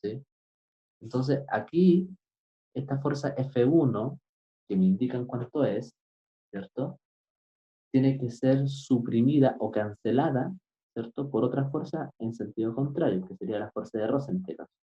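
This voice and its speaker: A man teaching physics, explaining a problem step by step and often pausing to ask his students if they follow. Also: mid-range voice. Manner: keeps asking "right?" to check understanding; patient, step-by-step. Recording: dull lo-fi recording.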